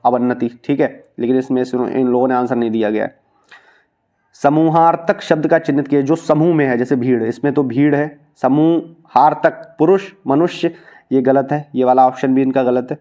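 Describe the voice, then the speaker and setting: Mellow-voiced male tutor explaining questions. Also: mid-range voice, lo-fi sound. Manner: explanatory, repeats points, checks with "ठीक है". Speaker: exam coaching teacher. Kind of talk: Hindi exam-prep lesson going through practice questions.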